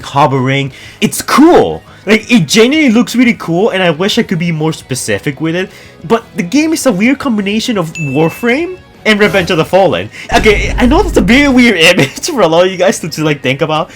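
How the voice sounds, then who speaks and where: Speaking in a mid-range voice, this man delivers gaming news to his YouTube viewers with casual, enthusiastic commentary, keeping things informal and excitable.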